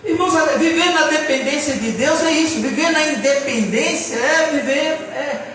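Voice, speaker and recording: Male preacher, church elder, high voice, storytelling testimony, distant mic in a reverberant hall. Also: moderate pace, a bit bright, a little hiss or hum. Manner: storytelling, acts out dialogue, laughs while telling. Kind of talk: testimony sermon. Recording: echoey hall, far from mic.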